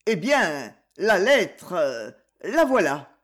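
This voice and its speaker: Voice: mid-range voice, big pitch swings, takes it slowly, fairly bright tone, exaggerated voice. A reader voicing a cornered, grumbling male crook in an audiobook, hesitant and surly.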